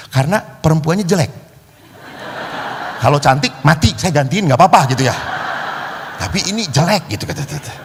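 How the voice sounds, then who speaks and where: A man preaching a sermon, telling a funny story and acting out the other voices with sudden shouts. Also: on the high side, a little hiss or hum. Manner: animated, acts out quoted voices with shouts. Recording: long reverb of a large hall.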